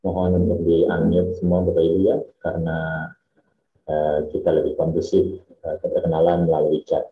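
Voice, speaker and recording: A very low-voiced man hosts a video call and welcomes participants by name. His audio comes through echoing and droning, and it keeps breaking up. The sound is dull and muffled, as if from a roomy space. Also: completely flat delivery, fairly quick, soft background music. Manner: welcoming, reads out participants' names. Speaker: online meeting host. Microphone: computer or phone on a video call.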